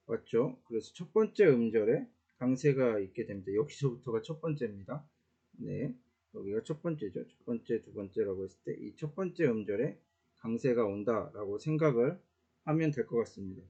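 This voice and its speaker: A man gives a casual online Latin grammar lesson in a warm, mellow voice. He explains step by step, pausing on "uh" fillers and correcting himself now and then. The recording sounds dull and lo-fi. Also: mid-range voice, breathy edge. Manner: explains slowly with many "uh" fillers and self-corrections.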